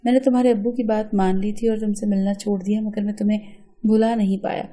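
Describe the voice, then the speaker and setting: A woman's voice: mid-range voice, level tone, dark tone, close to an everyday voice. A woman voicing a pleading lovesick young man.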